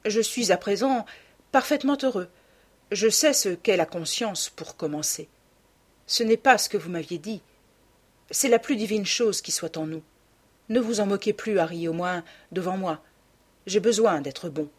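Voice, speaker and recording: An earnest, impassioned young aristocrat, as a woman reader puts him on, in an audiobook. The voice is husky and breathy, at a middling pitch close to the reader's own. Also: normal speed, close to an everyday voice. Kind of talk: audiobook character reading.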